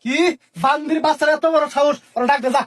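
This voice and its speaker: A man playing a loud, short-tempered village husband and father, gruff and shouting. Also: very high voice, level tone, quick pace. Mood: angry. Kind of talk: comedy skit acting.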